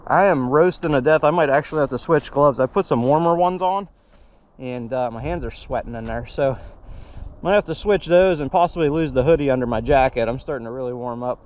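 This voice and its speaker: A man vlogging outdoors on a winter trail, chatting to the camera between rides and a bit out of breath. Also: on the high side. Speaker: dirt bike vlogger. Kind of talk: casual outdoor vlog narration while riding. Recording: outdoor trail ambience with faint noise.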